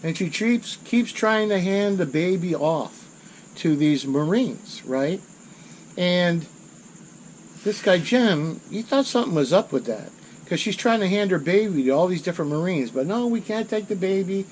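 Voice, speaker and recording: Middle-aged man, rambling storyteller, slightly high voice, faint outdoor insect noise. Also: animated, unhurried, rough recording. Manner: rambling, self-correcting, rises in intensity at dramatic moments. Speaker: channel host. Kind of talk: casual storytelling monologue.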